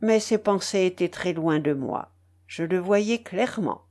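A woman narrating a classic novel in an audiobook, in a measured, expressive reading. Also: lowish voice. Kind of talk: scripted literary narration.

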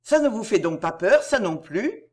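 A woman's voice: mid-range voice, big pitch swings, normal speed, darkish tone, slightly rough. A woman reading aloud and voicing an earnest young male notary who is eager to confess to his intended.

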